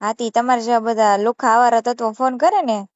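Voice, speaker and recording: In a muffled phone recording with no room sound, a woman with a Saurashtra Gujarati accent briskly scolds the person on the line, saying the same things again and again. Her voice sits on the high side with a steady tone; she's a channel creator fielding the call.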